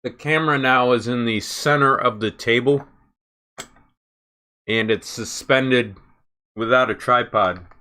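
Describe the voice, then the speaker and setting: Man, bright tone, casual livestream host, halting speech full of fillers. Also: mid-range voice, clean tone. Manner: halting, many fillers, eating while talking.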